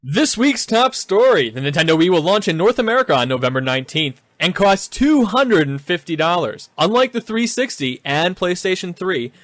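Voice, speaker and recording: A man's voice: high voice, a bit bright, slight background noise. A man hosting a casual video game podcast, reading news items aloud between jokes with his co-hosts. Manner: reads news items, breaks into laughter.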